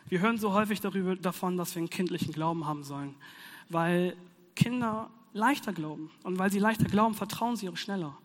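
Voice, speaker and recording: A young man delivers a laid-back sermon in youth slang, animated, joking with his listeners. His voice sits high for a man. The sound rings with a long hall reverb. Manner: slangy, animated, playful asides. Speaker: youth preacher. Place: hall with audience.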